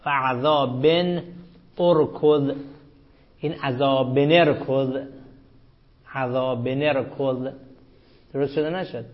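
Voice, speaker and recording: Male grammar teacher, quizzing class, drawn-out chanting, higher voice, lo-fi audio. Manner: quizzing students, chanting verses slowly. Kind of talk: Arabic grammar lesson. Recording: muffled lo-fi recording.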